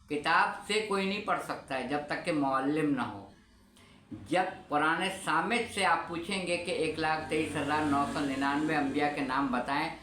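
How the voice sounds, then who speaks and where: A fairly high-voiced man delivers a religious lecture in a measured, explanatory manner, pausing to weigh his key terms. His voice rings out in an echoey room over a faint hum of ambience. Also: bright, forceful tone. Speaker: religious speaker.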